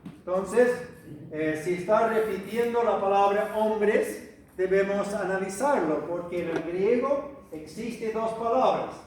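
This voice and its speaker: A man with a fairly high voice preaches at an unhurried pace, stopping often to quiz his listeners. He sounds far from the mic, and his voice rings through a reverberant church hall with faint noise underneath. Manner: teacherly, asks the audience questions, many hesitations. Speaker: missionary preacher. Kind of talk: church Bible teaching. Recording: echoey hall, recorded from far off.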